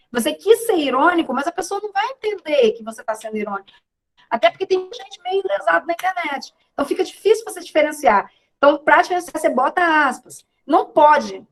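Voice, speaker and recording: Woman teacher, high-pitched, relaxed chatty delivery on a video call class. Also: poor audio. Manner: casual, chatty, checks in with students. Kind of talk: online class lecture.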